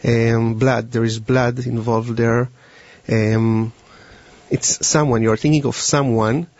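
A man's voice: mid-range voice, little pitch movement, darkish tone, no echo. Israeli-accented man, dull dry recording. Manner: halting, non-native English phrasing. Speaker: mentalist performer. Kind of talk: mind-reading demonstration, talking to a volunteer.

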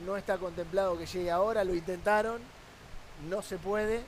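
A man's voice: high-pitched, steady tone, normal speed, slight background noise. A man with an Argentine accent, a sports journalist arguing his point on a football talk panel with rhetorical questions.

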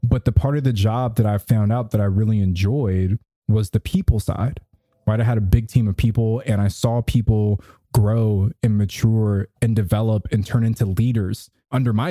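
A man with a low, very soft and dark voice talks casually as a podcast co-host, explaining things conversationally and checking in as he goes. The sound is dry and close. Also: dry recording. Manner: often checks in with "right?". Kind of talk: casual podcast advice talk.

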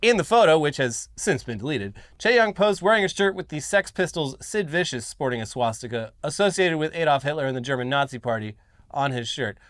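A man co-hosting a casual news commentary show, his voice sitting a little high. He reads articles aloud, then breaks off into blunt, profane asides. The recording is dry and close, with no room sound. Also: animated, fairly quick, fairly bright tone, dry recording.

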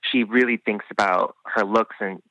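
A man's voice: on the low side, fairly even intonation, normal speed, no room sound, highs cut off. A man who works as a hairstylist, chatting enthusiastically as a podcast guest, full of "I mean" and "you know". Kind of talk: casual podcast interview chat.

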